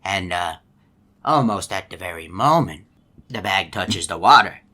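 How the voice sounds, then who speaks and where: An actor playing a folksy, long-winded, gullible hippo animatronic in a video game, telling stories in a polite, meandering way. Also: male voice, sits low, animated, measured pace, bright, forceful tone, full character voice. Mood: mildly puzzled. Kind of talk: video game character monologue.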